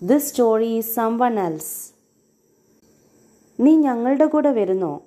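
Malayali woman English teacher, slow deliberate drills, somewhat high mellow voice. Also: expressive. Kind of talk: slow English drills, each phrase said twice.

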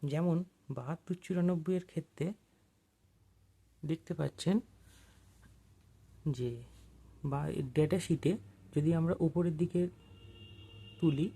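Here an instructor talks through a laid-back technical tutorial in careful steps, with pauses between them. The tone is dark and steady, a bit rough, at medium pitch.

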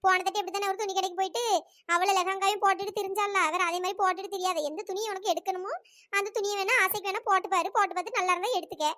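A woman's voice: steady tone, racing, sharp tone, no echo, studio quality. A woman voicing a bossy elder village woman in a cartoon, nagging. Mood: scolding. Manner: scolding, nagging, squeaky cartoon voice. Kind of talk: cartoon dialogue.

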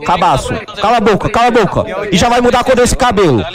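Fast, high-voiced taunting man. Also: very animated. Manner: aggressive, taunting, repetitive insults. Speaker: roleplay gang member. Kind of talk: heated in-character roleplay trash talk. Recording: game voice chat with crowd noise. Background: crowd of other players talking.

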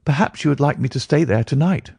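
A man's voice: medium pitch, fast talker, gravelly, darkish tone, breathy edge, dry recording, studio quality, pitched above the performer's own voice. A man voicing a weak, eager young male client who is recovering from illness, speaking politely.

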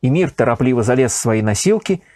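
A man narrating an audiobook in a theatrical, animated reading, close to the mic. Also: medium pitch, quick pace, no room sound. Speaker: audiobook reader.

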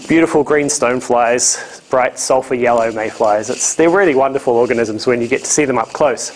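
A man with a thick New Zealand accent giving an informal, dryly humorous illustrated lecture. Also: mid-range voice. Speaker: guest lecturer, ecology professor. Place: lecture room, speaking to a small audience.

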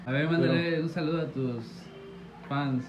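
A man's voice: a little high, moderate pace, lo-fi sound. A man in his twenties hosting a casual vlog with boisterous, teasing, slangy banter. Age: 20s. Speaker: vlog host. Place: bedroom, indoors. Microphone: handheld phone. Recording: echoey room, distant, music behind.

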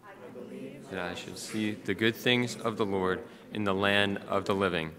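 A young man recites a psalm as lector, in a careful, measured way, through a podium microphone. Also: lowish voice, steady tone, a crowd in the background. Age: young adult. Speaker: student lector leading responsorial psalm. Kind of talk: liturgical psalm reading. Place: stage of a school auditorium. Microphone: podium gooseneck microphone. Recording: long reverb of a large hall.

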